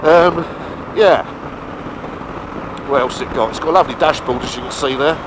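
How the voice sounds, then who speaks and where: A man giving casual, colloquial review commentary from inside a helmet while riding a motorbike. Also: medium pitch. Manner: colloquial, unhurried thinking aloud. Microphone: mic inside or on the helmet. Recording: muffled helmet mic, clear wind and engine noise.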